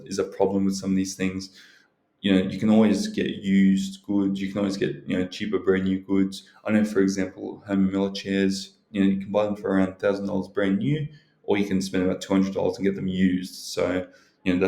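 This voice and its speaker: A man with a deep, mellow voice talks through advice in a casual, unscripted way. His delivery stays very even and rambles, with many hedges and filler phrases. The sound is roomy and echoing, as an indoor video host might record it. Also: gravelly. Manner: rambling, hedging, leans on "you know" and "look". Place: indoors, in a library.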